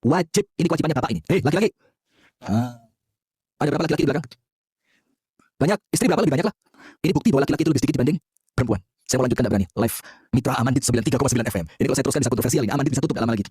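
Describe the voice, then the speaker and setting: A man preaching a lively, joking sermon, quizzing the audience and having them call back answers. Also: mid-range voice, racing, long pauses, husky, no echo, clean studio sound.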